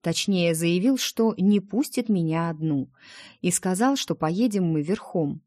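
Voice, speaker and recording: A woman's voice: on the low side, animated, measured pace, a little mellow, dry recording, clean studio sound. A woman reading the part of a chatty, playful young heroine in an audiobook, wheedling her dragon friend.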